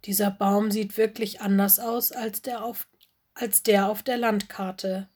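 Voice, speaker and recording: An earnest young beaver girl from a storybook, voiced by a woman reading aloud. She speaks slowly, in a soft, slightly husky voice. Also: medium pitch, flat delivery.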